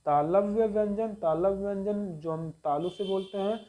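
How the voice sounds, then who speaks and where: A man teaching the Hindi alphabet, slowly sounding out each letter and repeating key points. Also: high voice, dark tone. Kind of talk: Hindi grammar lesson.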